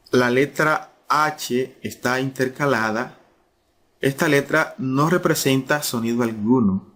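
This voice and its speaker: A male teacher giving a spelling lesson, speaking deliberately and repeating key terms. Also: mid-range voice. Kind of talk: slow explanatory lesson.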